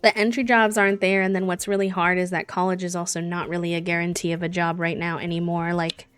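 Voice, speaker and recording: A woman's voice: lowish voice, level tone, fast talker, a bit bright, smooth. A woman livestreamer chatting casually while she plays a game. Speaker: streamer hosting a charity gaming livestream. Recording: music behind the voice. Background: music.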